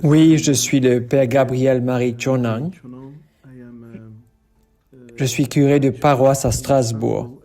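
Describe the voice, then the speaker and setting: A man from Cameroon, a parish priest, introducing himself slowly and deliberately. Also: medium pitch, fairly even intonation, dark tone, soft background music.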